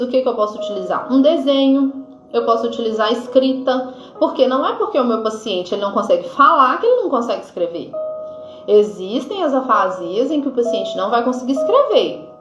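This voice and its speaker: A woman nurse with a Brazilian accent gives an informal health lesson, with many fillers and pauses to check her notes. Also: a little high, fairly bright tone. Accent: Brazilian Portuguese. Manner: informal teaching, frequent fillers like "né" and "tá"; reads from notes at times. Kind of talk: explanatory health lesson to camera. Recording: echoey room, dull lo-fi sound, faint music.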